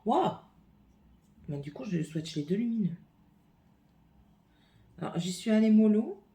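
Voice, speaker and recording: A woman's voice: medium pitch, expressive, unhurried, mellow. A woman vlogger filming a casual makeup haul at home on her phone, chatting and thinking aloud as she opens and swatches products. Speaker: beauty vlogger. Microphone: phone camera.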